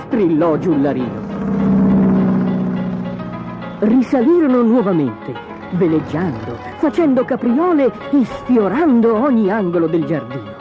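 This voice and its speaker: Expressive woman narrating fairy tales, animated delivery over background music. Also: fairly low pitch. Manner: expressive, dramatic. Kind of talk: children's storybook reading. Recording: dull lo-fi audio with music behind.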